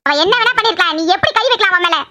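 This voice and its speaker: A woman voicing a stern, domineering middle-aged mother in an animated cartoon drama, scolding and threatening. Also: very high voice, rapid-fire, heavily acted. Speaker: voice actor.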